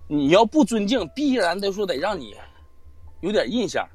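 A man who is the storyteller guest on a live-stream show tells a ghost story in casual chat, swearing and acting out quoted lines in an animated retelling. His voice sits high and is slightly rough, at normal speed. There's no echo, just faint music behind him.

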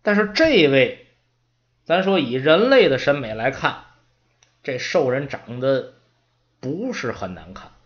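A man telling a story in chatty storyteller style with lively asides. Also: mid-range voice, a little slow, pauses often, lo-fi sound.

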